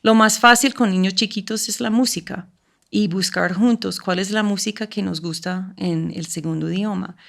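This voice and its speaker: Appearing as an interview guest, a woman who coordinates a school language program explains practical tips, frequently checking in with the listener by asking "¿sí?". Her mid-range voice is steady with some vocal fry, and she speaks at a moderate pace.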